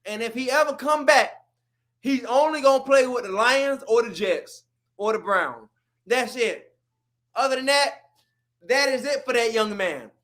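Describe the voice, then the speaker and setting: A man rants his way through a casual sports talk show. He swings from loud outbursts down to low mutters, talking like a fired-up fan. He is from Florida and co-hosts the show. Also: measured pace. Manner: animated, rants and shouts, drops to low mutters. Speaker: sports podcast co-host.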